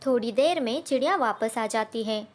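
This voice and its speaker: A woman's voice: on the high side, moderate pace. A woman narrating a children's cartoon story in a simple storyteller's way.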